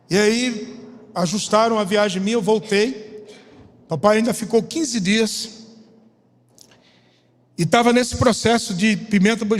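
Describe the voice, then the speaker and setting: A man with a Brazilian Portuguese accent, a pastor preaching a sermon in a church and telling emotional personal stories, close to tears. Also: sits high. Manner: emotional, storytelling, holding back tears. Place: church sanctuary. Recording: reverberant church hall with soft music.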